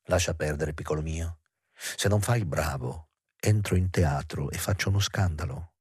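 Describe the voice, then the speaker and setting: A man voicing a coarse, mocking woman who blackmails, speaking low and hoarse. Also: moderate pace, darkish tone, no echo, clean studio sound, heavily acted. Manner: scornful and threatening.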